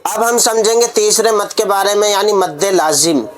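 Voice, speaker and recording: In a step-by-step recitation lesson, a high-voiced man speaking at normal speed teaches students to read the Quran. He spells each letter out individually and stretches the long vowels so they can echo him.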